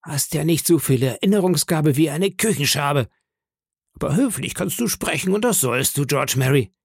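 Man doing Long John Silver, gravelly and scornful. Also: fairly high pitch, animated, normal speed, dry recording, studio quality, full character voice. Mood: threatening. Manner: scornful, threatening. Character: cunning older male pirate leader, menacing.

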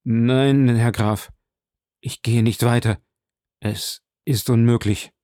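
A man's voice: fairly low pitch, fairly even intonation, normal speed, gravelly, darkish tone, no room sound, clean studio sound. A man voicing a terrified, superstitious male steward who stammers and pleads. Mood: frightened.

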